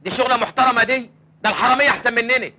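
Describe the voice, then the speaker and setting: An actor with an Egyptian accent playing a sly street beggar who fakes blindness and pleads in singsong blessings. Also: male voice, very high voice, very fast, bright, forceful tone, highs cut off, full character voice. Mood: bitter. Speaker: film character. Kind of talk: film comedy acting.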